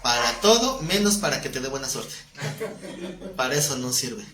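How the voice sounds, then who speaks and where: A man's voice: medium pitch, animated, normal speed. A man teaching a live Bible class, talking conversationally, quizzing his students and joking with them. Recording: echoey room, faint noise.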